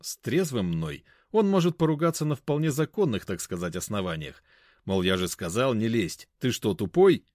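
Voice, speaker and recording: A man's voice: lowish voice, big pitch swings, normal speed, a little mellow, no echo, clean studio sound. A man narrating a first-person story in a wry, conversational way.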